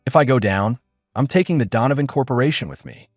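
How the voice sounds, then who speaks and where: A man voicing an arrogant male swindler who shouts in a frantic, shrill way. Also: lively intonation, fast, no room sound, clean studio sound, faint music behind, close to an everyday voice. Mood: accusing.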